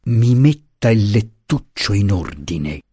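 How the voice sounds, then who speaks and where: A man's voice: mid-range voice, huge pitch swings, unhurried, a little mellow, breathy edge, dry recording, clean studio sound, exaggerated voice. A man voicing a proud, defiant young wife and mother in an audiobook, cutting and trembling with anger. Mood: trembling angry. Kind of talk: audiobook character voice.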